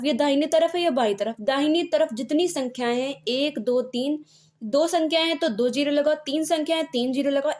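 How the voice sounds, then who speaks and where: A woman's voice: sits high, a little mellow. A woman teacher explaining decimal numbers step by step in an exam-prep video lesson, with frequent checks and small fillers. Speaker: maths teacher.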